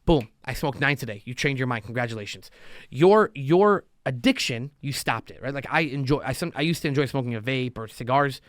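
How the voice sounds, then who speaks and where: Animated male podcast guest. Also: medium pitch, a little fast, no room sound, clean studio sound. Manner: animated storyteller, acts out quotes. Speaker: podcast guest, loan officer. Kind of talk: casual conversation.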